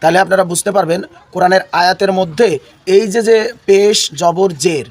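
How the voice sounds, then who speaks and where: A man's voice: high-pitched, a little fast. Unwell male Quran teacher drilling sounds. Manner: repeats key words and asks listeners to echo them. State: unwell, coughing. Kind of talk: classroom lesson with call and response.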